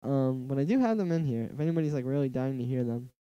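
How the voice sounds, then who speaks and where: On a livestream, a young man with a nasal, medium-pitched voice chats quickly and with lively intonation, wandering off topic and leaning heavily on "like" as he produces a track. His tone is dark and clean, with no room sound, though the audio is lo-fi. The track he's making plays faintly behind him.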